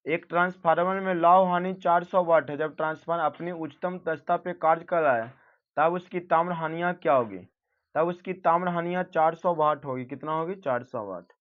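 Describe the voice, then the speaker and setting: Male teacher, fairly high voice, reads questions and gives answers for exam practice, dull lo-fi audio. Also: normal speed. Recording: dull lo-fi recording.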